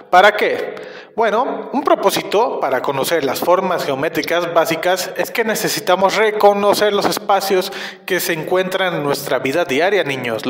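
A young man with a Mexican Spanish accent, teaching kindergarten children in a slow, sing-song voice and repeating each word several times. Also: high-pitched. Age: young adult. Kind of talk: recorded lesson for kindergarten children. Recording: echoey, roomy reverb.

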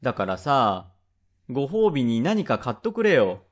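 A man's voice: mid-range voice, very animated, a little slow. A man voicing a cheeky, pestering little boy who wheedles his father for treats in a rakugo tale. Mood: wheedling. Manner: wheedling, whiny. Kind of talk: rakugo storytelling.

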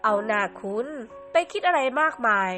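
A woman's voice: on the high side, animated, normal speed, bright, forceful tone, faint music behind, voice pushed down. Woman doing a blunt older male judge.

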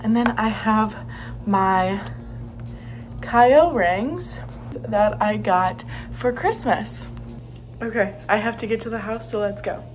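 A woman's voice: mid-range voice, takes it slowly, long pauses, low-quality recording. A young woman chatting casually and gushingly to her vlog, in a bubbly sorority-girl manner, on a phone held at arm's length. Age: young adult. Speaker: sorority member vlogger. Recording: phone vlog with music underneath. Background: background music.

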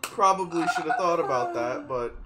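A man's voice: on the high side, animated, normal speed. A young man co-hosting a gameplay video in a laid-back way, chuckling and rambling a little. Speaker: gaming channel co-host. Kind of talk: casual gameplay banter. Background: game music.

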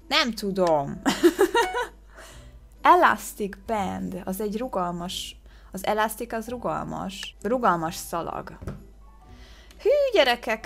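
A woman hosting a game video, commenting casually, exclaiming and gasping as she guesses, and sounding out English words hesitantly. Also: mid-range voice. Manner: excitable, exclaims and gasps while guessing. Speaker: gaming video host.

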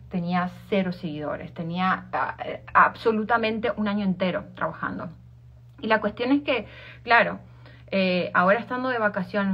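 A woman with an Argentine accent, a life coach giving an informal motivational talk, repeating herself and restarting phrases. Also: medium pitch. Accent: Argentine Spanish. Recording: dull lo-fi sound.

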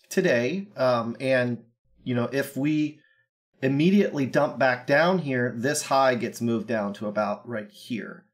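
In a small room, a crypto trading analyst records himself on a webcam, his mid-range voice a bit scratchy from a cold. The young man talks through the markets casually, cracking brash jokes and filling gaps with plenty of ums and uhs.

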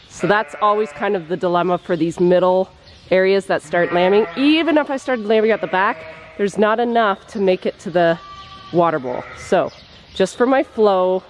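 A woman farmer in her forties vlogging casually to a handheld camera in a large sheep barn, chatty and tired, often restarting her sentences. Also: mid-range voice. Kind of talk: casual vlog talk to camera. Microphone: handheld camera at arm's length. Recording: noisy barn with sheep bleating. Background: bleating sheep and barn noise.

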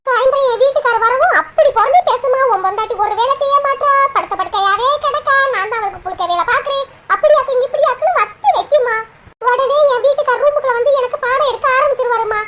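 Cartoon woman as a squeaky young wife, Kanyakumari Tamil, chatty and sulky. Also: fast talker, fairly bright tone. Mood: complaining. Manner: chatty, aggrieved storytelling. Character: young married woman, sulking, lazy, complaining. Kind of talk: cartoon voice acting.

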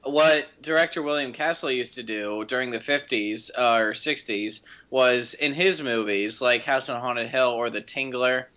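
A man's voice: mid-range voice, moderate pace, hardly any pauses, sharp tone. A man co-hosting a podcast, chatting casually and dropping wry, joking asides. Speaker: podcast co-host. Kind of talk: casual group chat. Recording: dull lo-fi sound.

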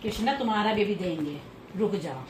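A woman talking to her pet dogs in casual baby talk while she films, coaxing and scolding them gently and laughing often. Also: medium pitch, expressive, brisk, distant mic. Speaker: pet owner vlogger. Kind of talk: casual vlog, talking to pets. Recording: echoey room, voice off-mic, faint noise.

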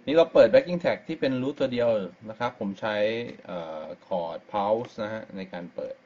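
A man's voice: medium pitch, expressive, normal speed. Chatty man teaching guitar scales. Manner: chatty, explains step by step, counts scale degrees aloud. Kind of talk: casual live-stream guitar lesson. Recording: slightly dull live-stream audio with guitar music. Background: guitar playing and backing track.

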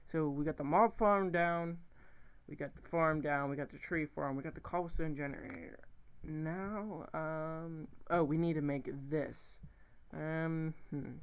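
A man's voice: a little high, rough recording. Rambling young man narrating his game. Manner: rambling, thinks aloud, self-correcting, swears casually. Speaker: gaming channel host. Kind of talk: casual game commentary.

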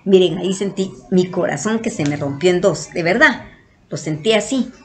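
A woman's voice: lowish voice, normal speed. A woman from Guatemala, a vlogger, earnestly recounting a personal experience to her viewers and repeating phrases for emphasis. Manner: earnest, repeats herself for emphasis, frequent "le dije" and "miren".

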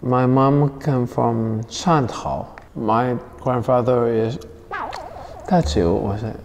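Slow-talking man. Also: mid-range voice, fairly even intonation, creaky. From Thailand. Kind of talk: casual chat. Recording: roomy hall with faint noise.

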